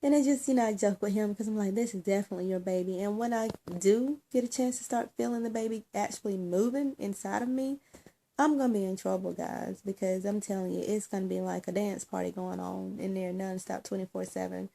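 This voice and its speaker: Teary lady vlogging, warm low-key voice, lots of ums, faint hiss behind. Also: fairly even intonation, vocal fry. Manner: halting, many ums and restarts, emotional. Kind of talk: casual personal vlog.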